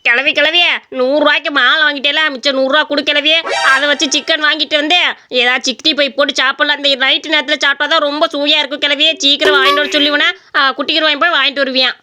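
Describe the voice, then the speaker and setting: A woman's voice: sits high, fairly even intonation, fast, sharp tone. A woman voicing a brusque cartoon man. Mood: greedy. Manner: brusque, dismissive. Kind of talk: cartoon voice acting.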